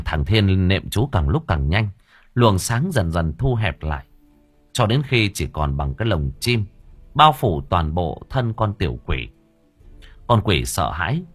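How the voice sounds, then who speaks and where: Expressive husky male storyteller. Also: low-pitched. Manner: vivid, expressive. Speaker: audiobook narrator. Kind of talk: storytelling narration.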